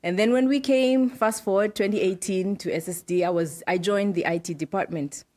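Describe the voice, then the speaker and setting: A middle-aged woman from Zimbabwe, a podcast guest explaining her work in a relaxed interview, often affirming with "right" and "yes". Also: medium pitch, normal speed. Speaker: podcast guest, data protection officer. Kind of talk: casual interview talk.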